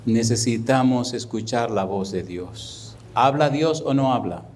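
Animated male preacher. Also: medium pitch, unhurried. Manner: animated preaching, repeats rhetorical questions; acts out dialogue in anecdotes. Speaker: pastor. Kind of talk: sermon.

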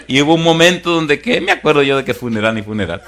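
Animated preacher telling a funny story. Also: male voice, on the high side, fast, creaky. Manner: animated storyteller, swings from hushed to loud. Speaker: pastor. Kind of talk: sermon with humorous storytelling.

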